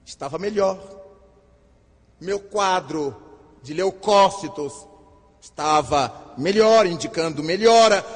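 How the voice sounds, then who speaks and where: A man's voice: high-pitched, breathy edge, long reverb tail, voice pushed down, heavily acted. A man voicing a cheerful woman friend who recovered from illness, speaking in a breezy, teasing way.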